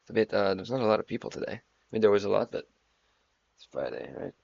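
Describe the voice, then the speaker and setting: A man's voice: fairly low pitch, expressive, fast talker, creaky, a little mellow, no echo, muffled recording. A man in his twenties hosting a trading livestream, joking and swearing in casual banter. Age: 20s. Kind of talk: casual stream chat.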